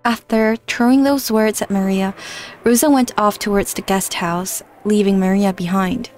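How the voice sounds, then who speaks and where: Streamer reading game aloud, earnest, wry asides, faint music. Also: female voice, medium pitch, steady tone, normal speed, darkish tone.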